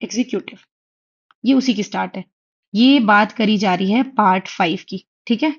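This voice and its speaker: With a medium pitch, moderate pace and slightly rough edge, a young woman delivers an online exam-prep lecture, heard through dull audio. She mixes Hindi and English, writes on a tablet, and keeps a warm, chatty tone, regularly checking in with "theek hai?"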